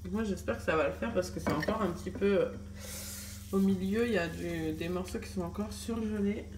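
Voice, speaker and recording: A woman's voice: mid-range voice, a little fast, reverberant, background noise. A young woman, a mother, chatting casually in a home vlog and recording on her phone, with lots of fillers and restarts. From France. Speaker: family vlogger. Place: home kitchen. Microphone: handheld phone camera.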